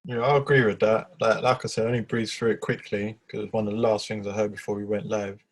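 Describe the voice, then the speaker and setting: Male, fairly low voice, informal conversational delivery. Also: level tone, quick pace. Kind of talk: casual chat.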